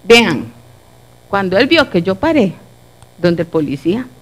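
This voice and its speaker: Animated Costa Rican woman telling a story. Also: medium pitch, measured pace. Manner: animated storyteller acting out dialogue. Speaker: church speaker. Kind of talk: testimony in a church talk.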